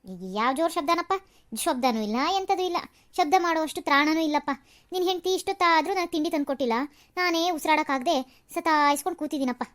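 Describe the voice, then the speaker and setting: A woman's voice: high voice, fast, a bit bright. Nagging old mother-in-law. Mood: self-pitying. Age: older. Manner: scolding, complaining, dramatic sighs. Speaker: cartoon voice actor. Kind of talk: cartoon serial acting.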